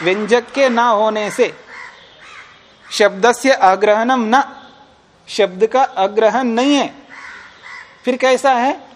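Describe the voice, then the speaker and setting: A man teaching a class on a classical philosophy text. He reads Sanskrit lines slowly, explains them in plain terms, and asks the class questions that he then answers himself. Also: sits high, a little hiss or hum.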